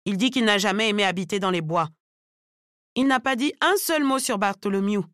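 A woman voicing a brisk middle-aged aunt who talks in a matter-of-fact, clipped way. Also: mid-range voice, a bit bright, no echo, clean studio sound, lightly acted.

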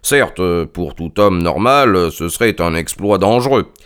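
A man's voice: deep voice, expressive, measured pace, a bit bright, clear, resonant tone. A man doing a cool, dryly polite detective. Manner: polite, dry, self-assured. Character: cool, ironic male detective. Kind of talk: audiobook character reading.

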